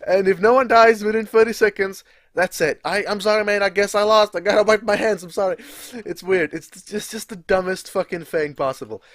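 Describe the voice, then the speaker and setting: A young Czech-native gaming video creator gives casual, rambling live commentary over gameplay, swearing freely and laughing at himself. His voice is high-pitched, brisk and a bit bright. The studio-quality recording has no echo.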